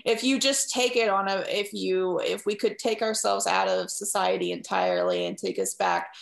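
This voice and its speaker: A woman's voice: medium pitch, expressive, normal speed, creaky, poor audio. A woman talking casually as an interviewer, earnest and emphatic, in long wordy runs peppered with "like". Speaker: interviewer leading the conversation. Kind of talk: casual conversation.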